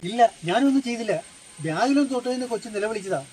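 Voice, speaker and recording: A man's voice: very high voice, expressive, quick pace, darkish tone, slight background noise, low-quality recording. An actor playing a guilty man who pleads and denies wrongdoing. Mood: pleading. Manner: pleading, defensive. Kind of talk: short film acting.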